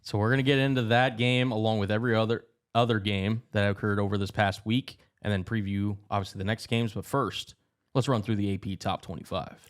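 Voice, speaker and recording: A young man co-hosting a casual sports podcast, running through rankings in a quick broadcaster's manner. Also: lowish voice, steady tone. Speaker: podcast co-host.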